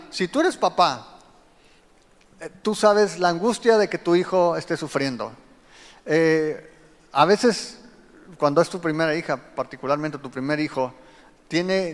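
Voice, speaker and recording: High-voiced preaching man in a reverberant hall. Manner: expository preaching, addresses listeners directly. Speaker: pastor. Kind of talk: sermon.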